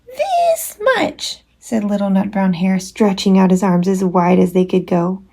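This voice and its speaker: A woman reading a children's storybook aloud as a storytime host, expressive and unhurried, as if to young children. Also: mid-range voice, vocal fry.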